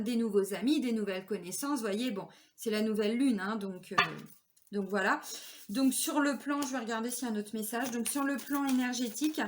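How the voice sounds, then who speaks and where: A woman in her forties giving a casual spiritual card reading, chatty, with frequent fillers and laughs. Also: on the high side. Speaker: tarot and oracle card reader.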